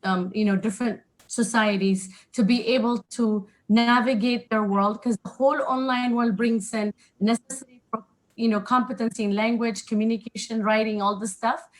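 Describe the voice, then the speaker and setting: A woman from Ethiopia speaking as a webinar panelist, earnest and reflective, a little halting. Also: on the high side, steady tone, low-quality recording. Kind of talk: spoken remarks on a webinar. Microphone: video call.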